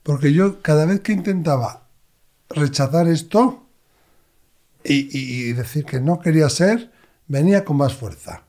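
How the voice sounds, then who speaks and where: A man, a medium, telling expressive stories as an interview guest. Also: fairly high pitch, a little slow, pauses often. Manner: expressive, animated anecdotes. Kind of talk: conversational storytelling.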